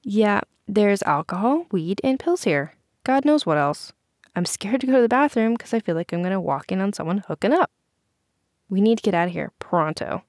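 A woman's voice: mid-range voice, animated, moderate pace, a little mellow, dry recording, clean studio sound, close to an everyday voice. A woman voicing a confident teenage girl who looks out for her friends and talks in a bold, direct, scolding way. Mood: concerned.

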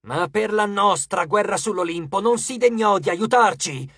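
A man voicing a gentle, weary male Titan of the West who works as a janitor, speaking in a low, calm, measured voice. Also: breathy edge, dry recording, studio quality, heavily acted. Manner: slow, measured, quietly firm.

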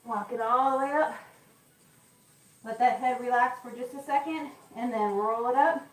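A woman's voice: a little high, moderate pace, soft background music. A woman fitness instructor coaching a live workout class, encouraging and counting reps aloud, with an occasional cough. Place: gym. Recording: echoey room, mic far off.

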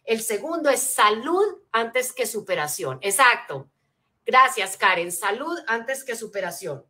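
A woman motivational speaker delivers a seminar talk in a fairly high voice, unhurried. She teaches her points like an energetic teacher, with frequent rhetorical check-ins, spelling out acronyms and asking listeners to take notes.

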